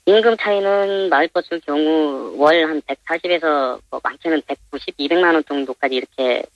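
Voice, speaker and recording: A man with an electronically disguised voice politely and haltingly explains things as an anonymous interviewee. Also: no room sound. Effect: voice disguised by pitch-shifting for anonymity. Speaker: minibus driver interviewed anonymously. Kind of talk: plain interview answers. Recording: dull, band-limited phone interview audio.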